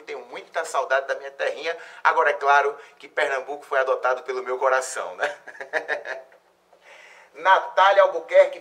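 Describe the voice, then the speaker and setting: A man's voice: on the high side, recorded from a distance. A man, a geography teacher hosting an exam-prep live stream, chatty and effusive as he greets viewers. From Salvador, Bahia, Brazil. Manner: chatty, effusive, lively exclamations. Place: plain bright indoor studio.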